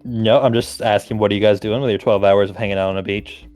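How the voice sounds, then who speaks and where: Low-voiced male game master, easygoing narrator for a tabletop session. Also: quick pace, soft background music. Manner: relaxed, laughs along with players.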